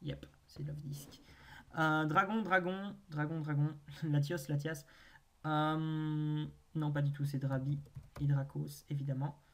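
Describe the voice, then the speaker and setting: A gaming video host thinking aloud through a naming quiz, hesitant with drawn-out pauses and wry self-mocking asides. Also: medium pitch, steady tone, slight background noise.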